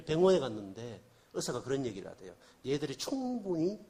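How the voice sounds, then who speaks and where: Animated Korean man preaching. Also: a little high. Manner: animated, asks the congregation questions. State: slight cold. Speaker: guest revival preacher. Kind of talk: sermon with storytelling.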